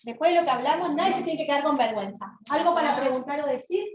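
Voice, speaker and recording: A woman lecturer with an Argentine accent, giving an animated university talk and asking her audience questions, recorded in a large lecture hall. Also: high-pitched, fast talker. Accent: Argentine Spanish. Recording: roomy hall sound, mic at a distance.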